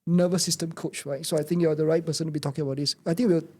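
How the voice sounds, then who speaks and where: Woman interview host, mellow and fairly low, prompting her guest with short encouraging replies. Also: steady tone, very fast. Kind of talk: casual interview conversation.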